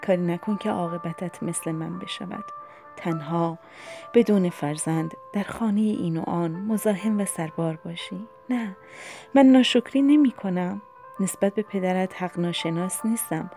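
A woman voicing a lonely elderly aunt who speaks softly and tenderly in an audiobook. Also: on the low side, creaky, faint music behind. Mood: tender, wistful.

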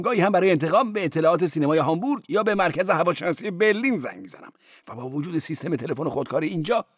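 A man's voice: on the high side, dry recording, studio quality, pitched above the performer's own voice. A man voicing a meddlesome male church porter who giggles, gushes and lectures in a sly way.

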